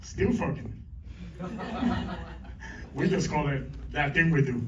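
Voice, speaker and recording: Middle-aged guy doing crude standup, teasing the crowd, kinda high voice, muffled far-off club recording. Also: animated, slow pace, noisy background. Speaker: stand-up comedian. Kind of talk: stand-up comedy set. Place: comedy club stage. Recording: echoey club, distant mic, dull lo-fi.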